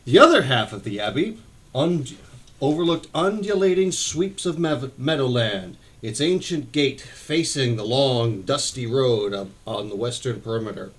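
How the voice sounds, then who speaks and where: A man reads a novel aloud, his voice rising and falling with lively expression. He keeps an unhurried storytelling pace and corrects the odd stumbled word as he goes. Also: medium pitch. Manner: expressive, occasional slips and restarts. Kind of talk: reading a book aloud.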